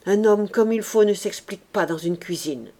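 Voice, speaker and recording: A proud young bourgeois wife from a storybook reading, her voice shrill, loud and cutting as she hurls her indignation, as a woman reader puts her on. She sits high in the voice and jabs every phrase. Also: normal speed, lightly acted. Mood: disdainful.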